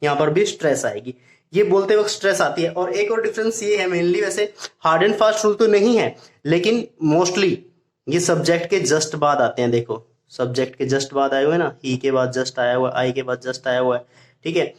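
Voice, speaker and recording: ऊँची आवाज़ वाला हिंदी व्याकरण शिक्षक, गूंजता कमरा. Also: male voice, fairly high pitch. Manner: explains step by step, repeats points, reads English examples slowly. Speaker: English grammar teacher. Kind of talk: Hindi-language grammar lesson. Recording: echoey room.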